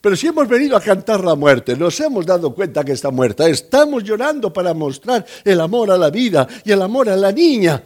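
A man's voice: sits high, big pitch swings, brisk, few pauses, a little mellow, pitched above the performer's own voice. A man voicing a group of hired mourning women who protest hurriedly and defensively in a retold story.

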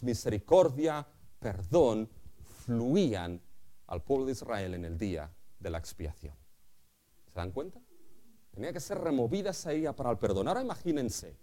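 A middle-aged man from preaching a sermon as pastor, with impassioned delivery that trails off softly at the ends of phrases. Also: fairly high pitch.

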